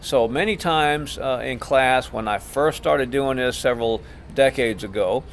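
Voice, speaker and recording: A man's voice: medium pitch, unhurried, a little hiss or hum. A middle-aged man, a martial arts instructor, teaching class terms in an instructional video, patiently repeating each term.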